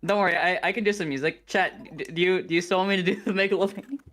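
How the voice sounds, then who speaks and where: A man's voice: high voice, steady tone, quick pace, fairly bright tone. A man joking around on a game stream, goofy and giggly in casual banter.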